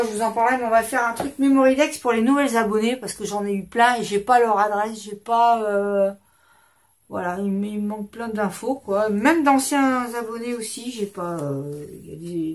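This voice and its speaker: Woman, 50s, vlog host; loose, rambling casual chat from a home desk. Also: on the high side. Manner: rambling, chatty, self-interrupting. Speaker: craft channel host.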